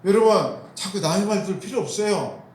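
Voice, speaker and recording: A man's voice: sits high, animated, brisk. A man preaching a sermon as pastor, asking the congregation questions and answering them himself, and repeating key phrases for emphasis. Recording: roomy echo.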